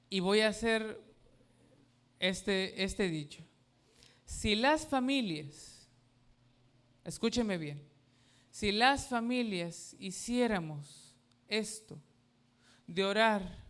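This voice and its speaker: A man's voice: sits high, slow, long pauses, fairly bright tone, clear, resonant tone. A man, a pastor preaching a sermon, emphatic and asking the congregation questions. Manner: emphatic, asks the congregation questions and has them repeat.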